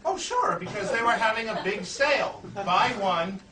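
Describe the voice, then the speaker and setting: A high-voiced man plays the grandiose flea circus showman, delivering playful comic patter to a live audience. He sounds set back from the mic in an echoey room with loud background noise. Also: lively intonation, moderate pace, recorded from a distance. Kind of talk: live stage comedy magic act with puns and audience patter. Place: live indoor show before an audience.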